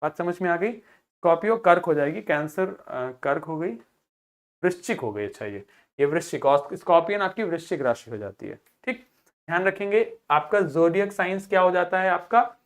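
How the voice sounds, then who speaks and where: A woman teaching a vocabulary lesson to students, explaining terms, asking check questions and repeating each word slowly for pronunciation practice. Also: fairly low pitch, animated. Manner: drills pronunciation by slow repetition; asks rhetorical check questions.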